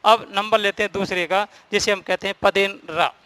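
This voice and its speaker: Bright, clear-voiced male Hindi teacher. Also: high-pitched, steady tone, normal speed, no room sound. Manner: explains step by step, repeats and stresses key points. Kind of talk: classroom grammar lesson.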